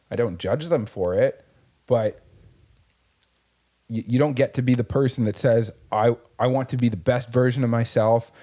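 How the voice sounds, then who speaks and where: A man's voice: medium pitch, mellow. A man co-hosting a podcast in casual chat, talking bluntly and motivationally with frequent swearing. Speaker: podcast co-host.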